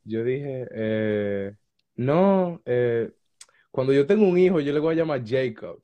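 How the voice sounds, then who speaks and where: A man from the Republic, hosting a casual podcast interview and speaking in a hesitant, halting way with repeated starts. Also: medium pitch, expressive, lo-fi sound. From Dominican Republic. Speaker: podcast host.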